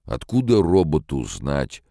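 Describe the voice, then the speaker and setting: A man voicing a stern, measured older research director in an audiobook. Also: rumbling low, gravelly, no room sound, studio quality, full character voice. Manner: flat, measured.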